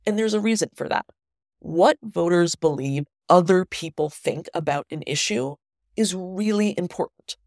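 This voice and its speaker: Woman host on a low-quality recording. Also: moderate pace, darkish tone, no echo, clean studio sound. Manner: earnest, emphatic, repeats words for stress. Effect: low-quality audio recorded without her usual microphone. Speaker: podcast host and newsletter writer. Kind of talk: solo news commentary. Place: family home, indoors.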